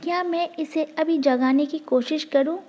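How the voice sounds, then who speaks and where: A woman reading the lines of a possessive, tender young man in a storybook romance, speaking softly. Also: sits high, fairly even intonation, moderate pace, dull audio, natural voice. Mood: worried.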